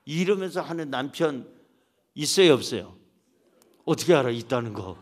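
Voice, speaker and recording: A middle-aged male pastor preaching a sermon in a church, animated and acting out voices as he goes. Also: mid-range voice, moderate pace. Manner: animated preaching, acts out voices of God and grumbling husbands. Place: church sanctuary.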